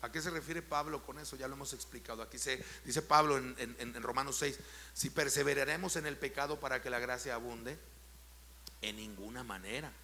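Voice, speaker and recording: A middle-aged Mexican man preaching a sermon as pastor, firing rhetorical questions at the congregation, checking that they follow, and building to loud, forceful emphasis. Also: mid-range voice, brisk, a little hiss or hum. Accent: Mexican Spanish.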